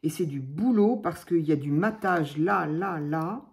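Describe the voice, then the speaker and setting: A woman's voice: low voice, animated, a little slow, creaky. A woman hosting her craft channel, chatting casually and gushing over paper creations with many fillers. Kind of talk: casual chat unboxing crafts.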